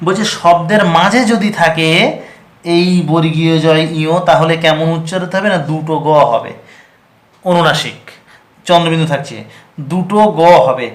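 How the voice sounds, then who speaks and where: A man with a fairly high voice teaches a pronunciation lesson for an exam. He poses questions and answers them himself, then repeats each example word slowly. The sound bounces around an echoey room. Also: a bit bright. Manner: explains rules by asking and answering his own questions.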